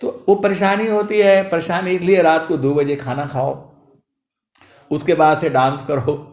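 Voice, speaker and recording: A man in his late fifties, a spiritual preacher telling anecdotes with a chuckle and chanting couplets in a long, drawn-out tune. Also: a little high, level tone, a little mellow. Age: late 50s. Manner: drawn-out sung recitation of couplets between anecdotes; chuckles while telling stories. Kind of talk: storytelling sermon with chanted verses. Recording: echoey room.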